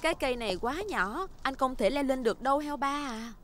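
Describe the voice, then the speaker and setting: A woman voicing a caring, sensible middle-aged mother pig in a Vietnamese cartoon dub, speaking in a gentle, motherly way. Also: high-pitched, fairly quick, slight background noise. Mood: mildly concerned. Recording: music behind the voice.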